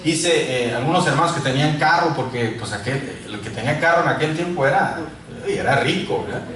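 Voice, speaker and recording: A man from Mexico, preaching a sermon full of personal testimony and swinging from loud calls to quiet asides. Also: mid-range voice, lively intonation, brisk. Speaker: pastor. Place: large echoey church hall. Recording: echoey church hall, mic far off, faint noise.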